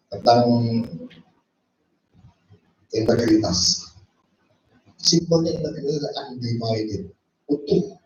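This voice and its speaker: A man preaches a sermon in a church, and his high voice rises and falls through a wide range. He acts out quoted speech and drops English phrases into his talk. He sounds distant and dull, caught in a strongly echoing hall. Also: a little mellow. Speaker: pastor.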